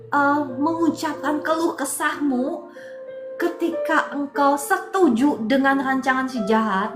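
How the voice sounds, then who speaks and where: A woman with a high voice preaches a sermon, earnest and coaxing, often checking that her listeners agree. Her voice rings through an echoey hall while soft music plays underneath. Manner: earnest, coaxing, repeats "ya kan".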